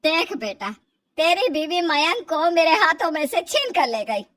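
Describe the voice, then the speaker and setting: A woman voicing a stubborn, old-fashioned mother-in-law who talks loudly and dismissively in a storybook tale. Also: very high-pitched, big pitch swings, a little slow, dry recording, pitched above the performer's own voice, full character voice. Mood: scolding. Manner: loud, scolding, dismissive.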